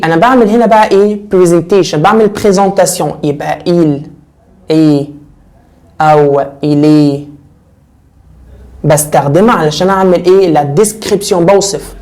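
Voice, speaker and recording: A young man with an Egyptian Arabic accent teaching French grammar in a casual, lively way. He keeps repeating words and putting questions to his students. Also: sits high, moderate pace. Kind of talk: casual classroom lesson.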